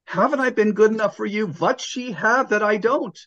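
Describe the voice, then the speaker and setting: A shrill, frantic old lady in a care home cries out in a pleading falsetto that sits well above a normal speaking voice, as a man puts her on while telling a joke. She sounds jealous and desperate, and the recording is dull and lo-fi. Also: moderate pace, a bit bright.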